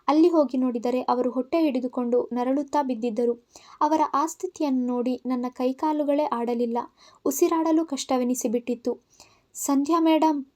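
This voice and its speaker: A woman narrating a first-person audio story in an expressive, heartfelt reading. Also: sits high.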